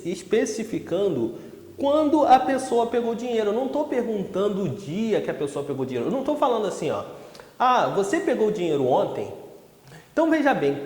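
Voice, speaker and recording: A man teaching English in a casual online lesson, chatty and lively, often checking in with the listener. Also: sits high. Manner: lively, chatty, peppers speech with "tá?". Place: classroom with whiteboard. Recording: echoey room with long reverb.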